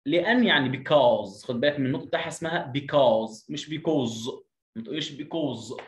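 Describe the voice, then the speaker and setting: Man, Egyptian Arabic accent, English teacher, quick delivery, echoey room. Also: fairly high pitch, lively intonation, fairly bright tone. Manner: drills pronunciations by repeating words slowly. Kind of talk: online English lesson. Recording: roomy echo.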